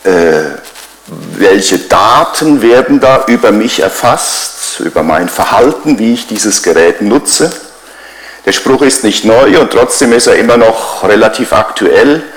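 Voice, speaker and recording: Middle-aged male pastor, lowish voice, chatty sermon full of rhetorical questions, roomy church sound. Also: expressive, unhurried. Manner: conversational, builds on repeated rhetorical questions.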